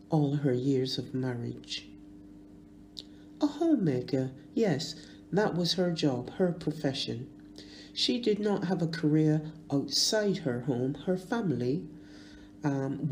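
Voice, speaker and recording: A woman in her sixties from Barbados, reading a funeral tribute in a slow, measured, fond way in a church. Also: low voice, a little mellow. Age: 60s. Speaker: eulogist.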